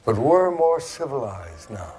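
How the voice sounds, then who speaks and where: An actor playing a dry, wry middle-aged town narrator in a 1940s film, speaking slowly and matter-of-factly. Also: male voice, medium pitch, big pitch swings, a little mellow. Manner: slow, wry and matter-of-fact. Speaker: narrator figure addressing the audience.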